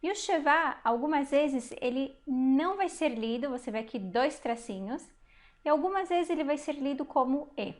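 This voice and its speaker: A woman with a high voice leads a recorded online language lesson. She explains patiently and step by step, stopping to ask the learner questions. She sounds out each new word slowly and carefully. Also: animated. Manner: sounds out Hebrew words slowly. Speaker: Hebrew teacher.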